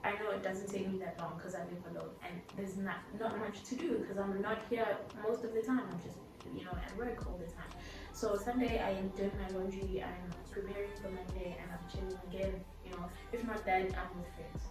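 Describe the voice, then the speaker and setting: In her casual vlog, a South African woman of twenty rambles through her story with lots of fillers and restarts. Her medium-pitched voice is steady and a little fast. The sound comes from a laptop or phone camera mic, distant and echoey, with music in the background.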